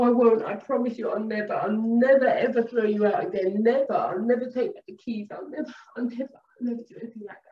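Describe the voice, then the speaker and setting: A woman's voice: a little high, voice pushed up, lightly acted. A woman voicing a clingy partner who begs forgiveness in a wheedling, repetitive way. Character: pleading, clingy woman begging her partner back. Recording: echoey room, distant mic, dull sound.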